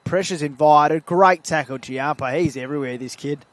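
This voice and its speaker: Local footy caller, Australian man, slightly high-pitched, easygoing and chatty. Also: normal speed, dry recording. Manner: chatty, lifts when play heats up. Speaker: play-by-play commentator. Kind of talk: amateur football commentary. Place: at a suburban football ground.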